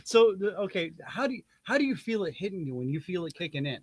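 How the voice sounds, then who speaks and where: A man's voice: sits high, sing-song, fast, dry recording. Joking male co-host, dry close sound. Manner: joking, teasing. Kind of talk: casual chat.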